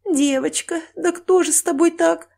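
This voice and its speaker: A kind older countrywoman frets and weeps, her voice lifting high with worry, as a woman narrator plays her. It is an audiobook reading. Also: flat delivery, moderate pace, lightly acted. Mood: frightened. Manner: fretting, tearful exclamations.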